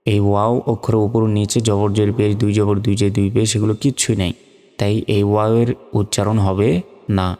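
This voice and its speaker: A man's voice: fairly low pitch, flat delivery, fairly quick, dark tone, big-room sound. A man teaching Quran reading, spelling out each letter and vowel mark syllable by syllable. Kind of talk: step-by-step spelling lesson.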